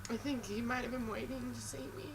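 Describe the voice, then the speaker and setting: A woman's voice: fairly high pitch, fairly even intonation, fairly quick, background noise. A woman in her twenties telling personal stories in a casual vlog, rambling and emotional, with lots of "like" and "you know". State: tearful at times. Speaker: vlogger.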